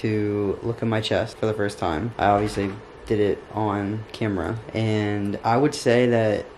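A man's voice: on the low side, fairly even intonation, unhurried, darkish tone. A young man talking casually to camera for a vlog, sore and in pain after surgery. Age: young adult. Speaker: vlogger recovering from surgery. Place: small bathroom and bedroom indoors. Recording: clear background noise, home room.

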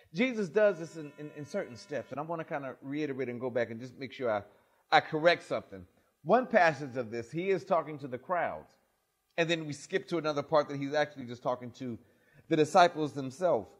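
A middle-aged man, a pastor, reading scripture and preaching a sermon in a small church sanctuary, swinging expressively between loud and soft. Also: a little high.

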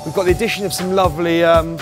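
A man's voice: a little high, fairly even intonation, fast. A young man in his twenties with a British accent, chatting jokily and mocking himself as he vlogs a road trip on a lapel mic. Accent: British English. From United Kingdom. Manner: chatty, jokey and self-mocking. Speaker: travel vlogger. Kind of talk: casual travel vlog. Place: outdoors and in hotels on a road trip. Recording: music playing underneath.

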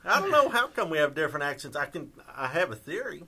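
Man, Southwest Texas accent, bright tone, podcast co-host, joking storyteller. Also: fairly high pitch, animated, quick pace, breathy edge. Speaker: podcast co-host, history professor. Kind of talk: casual chat.

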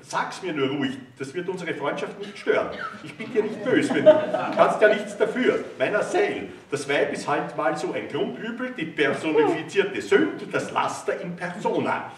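A man's voice: big pitch swings, normal speed, hardly any pauses, a little hiss or hum. A man voicing a fussy, jealous middle-aged husband who talks indignantly and sanctimoniously in a roomy hall. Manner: indignant, sanctimonious, rising pitch. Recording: roomy hall, distant mic.

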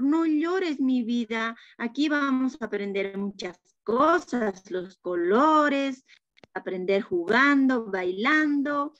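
Woman as a coaxing preschool teacher, slow delivery, dry lo-fi call audio. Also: high voice, no echo, pitched above the performer's own voice. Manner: coaxing, affectionate endearments. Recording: dull lo-fi video call audio.

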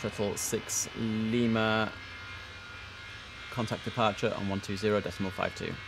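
A man streams himself running an airport tower, mixing chatty slang with controller calls. His voice sits low and gravelly, croaky from the early hour, with a clear hiss of noise around him. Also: fairly even intonation, measured pace. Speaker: streamer playing an air traffic control game. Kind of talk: casual live-stream commentary with radio calls.

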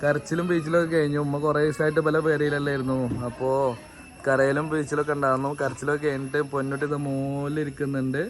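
A man's voice: a little high, level tone, fast talker, a little hiss or hum. A man giving casual running commentary for a family vlog, chatty and joking, speaking straight to his viewers. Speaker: family vlogger.

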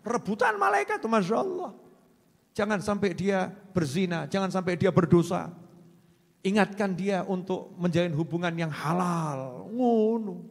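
Male preacher, Javanese accent, animated and teasing, slightly high voice, long hall reverb. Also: measured pace. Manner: animated and teasing, mixing in local words. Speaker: Islamic preacher. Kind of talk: sermon answering a question.

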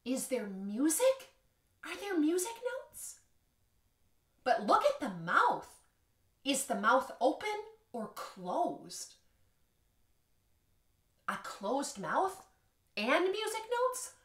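Casting: bright, high-voiced woman for a kids' music class, playful and sing-song, roomy living-room sound. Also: wildly swooping pitch, extremely slow, pauses often. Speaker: music teacher. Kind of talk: children's music lesson. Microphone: camera across the room.

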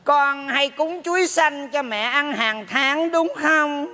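A man putting on the voice of a scolding old mother in a stage comedy sketch, with a Southern Vietnamese accent and a slow, drawn-out delivery. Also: very high voice, pushed and bright, heavily acted.

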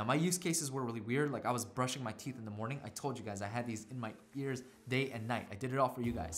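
A man's voice: medium pitch, fairly bright tone. Enthusiastic man reviewing tech gear. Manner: enthusiastic, imitates sounds with his voice. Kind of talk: casual product review.

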